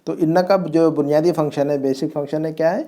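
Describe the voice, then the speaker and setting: A male teacher giving a grammar lesson from his home. His voice is mellow and sits a little high for a man. He keeps asking questions and checking that his students follow. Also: steady tone. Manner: drills students with repeated questions and tag checks. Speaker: Arabic teacher. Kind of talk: classroom lesson.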